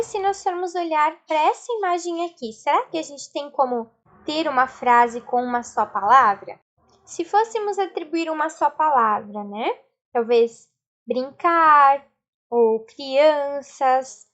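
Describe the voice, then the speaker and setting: A woman's voice: high voice, dull audio. A woman teacher giving a recorded video lesson, explaining step by step and asking and answering her own questions. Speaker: school teacher.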